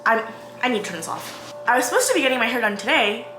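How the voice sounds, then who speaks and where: A woman in her twenties films herself with a handheld camera in her bedroom closet at home, vlogging in a chatty, rambling way full of "like" and "um." Her slightly high, expressive voice moves quickly, with music in the background and low recording quality.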